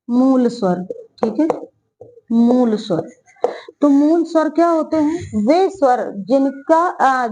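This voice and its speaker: A woman's voice: high-pitched, darkish tone, low-quality recording. A woman teaching a Hindi grammar lesson for exam preparation, who repeats her phrases and asks questions that she then answers herself, drawing out vowel sounds as she demonstrates them.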